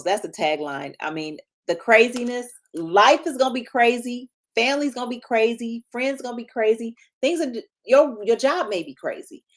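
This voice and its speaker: A woman in her fifties, a marriage and relationship coach, talking casually and in a lively way on a live stream. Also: on the low side. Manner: lively, chatty, self-deprecating asides.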